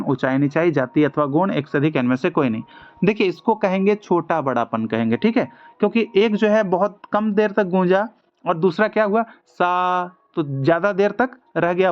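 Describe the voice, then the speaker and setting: A man's voice: sits high, dull audio. A man teaching a music exam lesson, walking through multiple-choice questions step by step and asking himself rhetorical questions as he explains. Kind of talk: online MCQ lesson.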